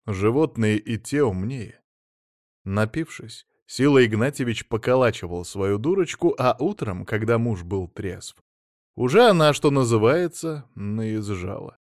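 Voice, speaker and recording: A man reading a humorous story aloud in a wry, expressive way. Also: fairly low pitch, unhurried, dry recording, clean studio sound. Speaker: audiobook reader.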